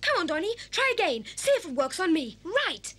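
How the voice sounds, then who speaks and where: A woman's voice: very high-pitched, big pitch swings, fairly quick, heavy background noise. A woman voicing a cheeky, rude young boy prankster in a cartoon who mocks everyone. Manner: mocking, boisterous.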